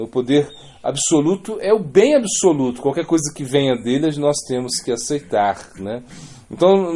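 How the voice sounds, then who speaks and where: A man's voice: medium pitch, mellow. A man with a Brazilian Portuguese accent gives a religious talk, telling a story in a conversational way, often adding tag questions and restarting phrases. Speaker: devotional speaker.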